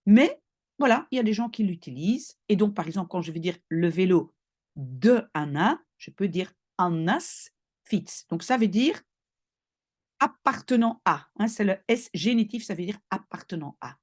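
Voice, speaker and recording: A woman teaches a language lesson in a slightly husky, breathy voice. Her pitch moves a lot as she stresses key points. She explains step by step and keeps checking that her students follow. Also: lively intonation, normal speed, darkish tone. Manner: patient, checks in often with short questions. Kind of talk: explaining spelling rules in a recorded lesson.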